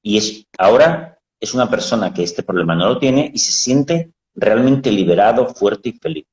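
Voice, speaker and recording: A man's voice: mid-range voice, lively intonation, moderate pace, darkish tone, roomy sound, muffled recording. A man hosting a casual live talk, explaining in a frank, down-to-earth way with blunt everyday words. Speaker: psychologist host.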